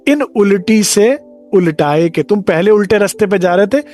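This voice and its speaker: A man's voice: high-pitched, animated, moderate pace, a little mellow, soft background music. A man giving a devotional discourse as a spiritual teacher, talking conversationally and acting out short dialogues.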